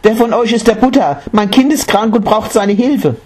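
A man voicing a desperate young mother in a storybook, pitching his voice high and pleading. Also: expressive, unhurried, a little mellow, breathy edge.

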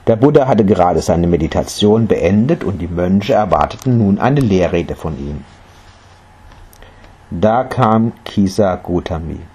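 A man narrating a story in a measured, quiet storytelling manner. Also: sits low, breathy edge.

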